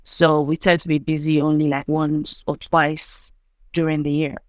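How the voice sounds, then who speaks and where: A woman from Nigeria, a guest on a video call, telling her story in a relaxed, chatty way. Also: low-pitched, a little slow, no echo, studio quality. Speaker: guest entrepreneur. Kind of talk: casual interview.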